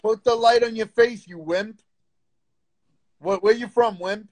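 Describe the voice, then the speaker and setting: A man with a high-pitched voice hosts a live stream and goes after a caller. He taunts him and swears constantly, in a loud, confrontational chat style. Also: a little slow. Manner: taunting, profane, insulting.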